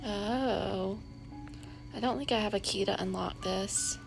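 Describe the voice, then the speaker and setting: A woman's voice: mid-range voice, slow, vocal fry, low-quality recording. A woman streamer giving casual, musing gameplay commentary and addressing chat as y'all. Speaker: game streamer. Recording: game music playing behind.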